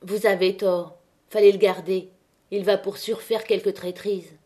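A woman's voice: mid-range voice, little pitch movement, unhurried, mellow, natural voice. A woman reading aloud voices a bitter middle-aged miner's wife, muttering a grudging warning.

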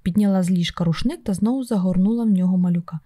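A woman narrating an audiobook in a steady, measured storytelling voice. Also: fairly low pitch, dry recording, studio quality. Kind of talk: scripted narration.

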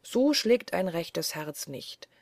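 Woman voicing a sly young guy scoffing at a giant, gravelly and low. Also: big pitch swings, slow pace, a little mellow, no echo, clean studio sound, heavily acted. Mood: taunting. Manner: scornful, taunting. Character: cunning, cold-hearted young male charcoal burner.

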